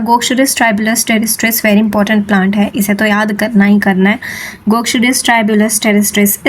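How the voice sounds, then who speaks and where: A young woman tutoring in a chatty, playful way, drilling terms slowly and repeating them, mixing Hindi with English terms. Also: on the high side. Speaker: Ayurveda tutor. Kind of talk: informal exam-prep lesson.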